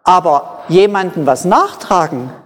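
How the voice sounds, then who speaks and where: This preacher's sermon comes in brief, measured bursts, and he keeps repeating his main points for emphasis. His expressive voice is pitched in the middle range, and a long church-hall reverb lingers after each line.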